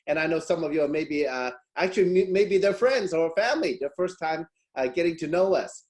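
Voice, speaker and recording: This middle-aged man hosts a webinar over a video call, his voice sitting a touch high for a man. He talks in a loose, chatty way, stopping and restarting often between fillers. Originally from Hong Kong. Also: animated, fairly quick, darkish tone. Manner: chatty, many fillers and restarts, frequent laughs. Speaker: webinar host. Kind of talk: casual online webinar hosting.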